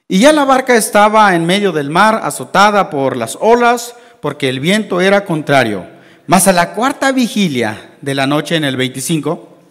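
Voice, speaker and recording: A Mexican man leads a Bible class in a church hall, his voice sitting high for a man. He reads verses slowly and then turns to the congregation with questions. The sound carries a long hall reverb. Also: fairly bright tone. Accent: Mexican Spanish.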